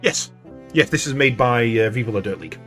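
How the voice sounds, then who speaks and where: A man's voice: medium pitch, animated, a little fast, fairly bright tone. A man streaming a game with casual live commentary. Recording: game music behind the voice.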